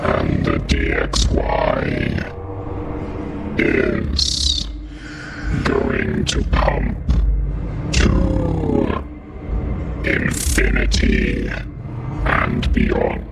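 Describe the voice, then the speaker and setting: A man using a voice changer for a disguised deep voice, playing an evil male demon who threatens humans on a livestream. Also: wildly swooping pitch, full character voice. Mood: menacing. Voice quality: gravelly, slow, menacing. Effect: voice changer, disguised deep monster voice. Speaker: streamer. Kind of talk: livestream chat in character. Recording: loud music behind voice.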